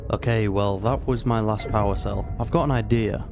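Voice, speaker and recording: A man's voice: fairly low pitch, steady tone, moderate pace. A young man narrating his gameplay as a scripted story with wry, understated asides. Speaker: gaming video creator. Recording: voice-over with music behind. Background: game music.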